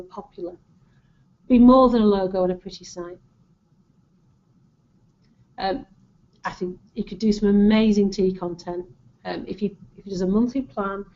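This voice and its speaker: A woman's voice: mid-range voice, dark tone. A woman with a Lancashire accent giving an informal marketing presentation, advising in an encouraging, conversational way. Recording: dull, lo-fi audio.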